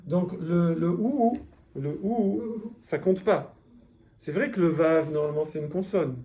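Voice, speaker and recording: A man's voice: a little high, unhurried, warm tone. A man teaching a classroom lesson, patiently explaining step by step and quizzing his students. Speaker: Hebrew teacher.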